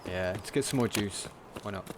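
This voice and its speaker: Low flat-sounding guy chatting through his game stream, casual commentary. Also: moderate pace, background noise. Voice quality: monotone.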